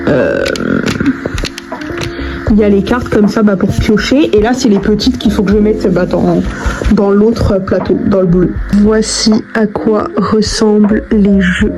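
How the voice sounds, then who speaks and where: A young adult online video creator with a mid-range voice talks casually while crafting, keeping a measured pace and pausing often. Her language is slangy and informal as she thinks aloud, with music behind her and a rough recording.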